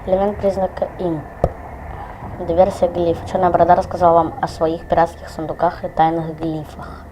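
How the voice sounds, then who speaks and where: A woman comments casually on her playthrough, muttering to herself and reading menu items aloud. Her voice is low for a woman, with clear noise in the background. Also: flat delivery, fairly quick. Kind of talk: casual play-along commentary.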